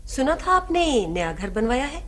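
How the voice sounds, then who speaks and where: An actress playing an exasperated housewife in a TV drama, sharp and impatient. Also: female voice, sits high, very animated, normal speed. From Pakistan. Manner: impatient, sharp with the old man. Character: exasperated middle-aged housewife. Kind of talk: broadcast TV drama.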